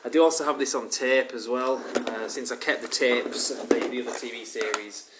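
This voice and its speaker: In a recording with heavy hiss and a roomy echo, a congested man casually walks through his DVD collection, stumbling over many ums and restarts. He speaks in a mid-range, steady tone at a moderate pace.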